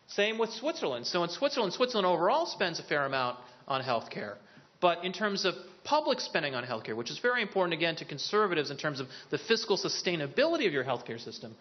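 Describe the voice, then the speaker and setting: A man with a high-sitting voice lays out a policy proposal as part of a briefing panel in a briefing room, walking through each point in turn. He raises questions and answers them himself, with a few restarts and filler pauses along the way, and the audio is dull.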